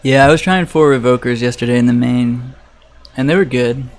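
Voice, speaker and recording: Creaky-voiced man thinking aloud over a game. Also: medium pitch, normal speed. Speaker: streamer playing an online card game. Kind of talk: casual live game commentary. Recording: electric fan noise in the background. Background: electric fan running.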